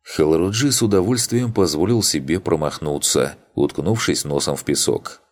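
Мужчина спокойно и размеренно читает вслух художественную книгу как диктор аудиокниги. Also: male voice, rumbling low, normal speed. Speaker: audiobook narrator. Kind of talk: scripted audiobook narration.

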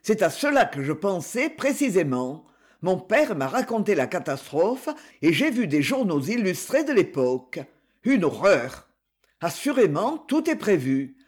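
Man voicing injured bedridden husband, dry clipped delivery, cold reasoning, animated pitch. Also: a little slow, heavily acted. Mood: grim.

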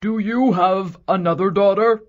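A woman's voice: medium pitch, a little slow, pitched below the performer's own voice, lightly acted. A woman voicing the king's men, formal and dutiful male officials in a children's storybook reading, on a slightly dull recording. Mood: asking.

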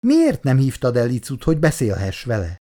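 A man's voice: mid-range voice, huge pitch swings, warm tone. A reader voicing a lovesick young man who presses with eager questions in a storybook reading. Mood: pressing.

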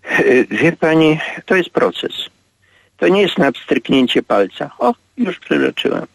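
A priest in his eighties giving a radio interview, speaking slowly and reflectively with halting pauses. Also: a little high, expressive, no echo, poor audio. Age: 80s. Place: radio studio.

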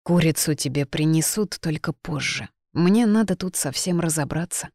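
A woman's voice: normal speed, a little mellow, no echo, clean studio sound. Woman doing a grave, muffled village man. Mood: somber. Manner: low, muted delivery.

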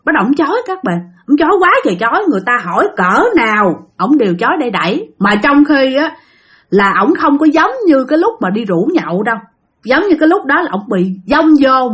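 Chatty woman telling ghost stories. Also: a bit bright. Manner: chatty, addresses listeners often, drops low for suspense. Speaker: storyteller. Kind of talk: spoken ghost story narration.

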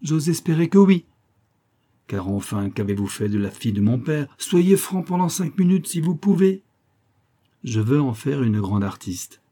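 A man reading aloud, voicing a shrewd young woman who mocks and bargains in a raised, sharp voice. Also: mid-range voice, big pitch swings, unhurried, pitched above the performer's own voice. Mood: scornful. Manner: teasing, sharp and mocking.

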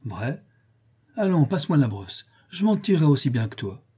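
Man putting on a young boy voice, eager, high, lively, husky tone, audiobook. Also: normal speed, heavily acted. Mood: teasing, pleading. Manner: shouted commands and bell noises.

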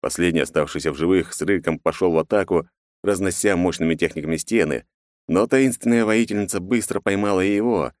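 A man narrating an audiobook in a measured, expressive way. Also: low-pitched, no echo, studio quality.

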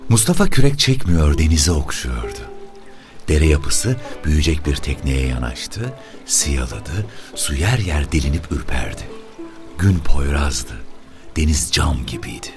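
A man narrating an audiobook in a slow, measured reading. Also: extremely low pitch, expressive, over music. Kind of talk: scripted narration.

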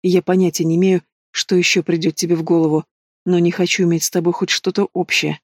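A man's voice: high-pitched, level tone, fast talker, no room sound. Guy reading a scared but defiant young woman in an audiobook, snappy lines, dry sound. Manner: sharp and defiant.

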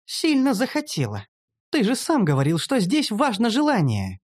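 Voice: mid-range voice, huge pitch swings, normal speed, pitched above the performer's own voice. A narrator voicing a bold, mocking young female elf in an audiobook, talking brashly and teasingly. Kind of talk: audiobook character voice.

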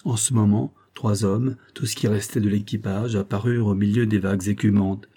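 A man reading a classic novel aloud as scripted narration in a steady, dramatic manner. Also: fairly low pitch, fairly quick, husky. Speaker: audiobook reader.

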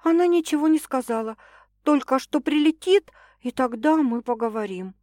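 A woman's voice: lively intonation, moderate pace, no room sound, studio quality. A woman voicing a young pregnant bride-to-be in an audiobook, nervous but cheerful. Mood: excited. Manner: bright, higher girlish delivery.

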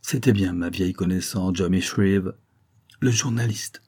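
A man narrating a literary story aloud in a measured, even manner. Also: deep voice, husky. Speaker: audiobook narrator. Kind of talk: scripted narration.

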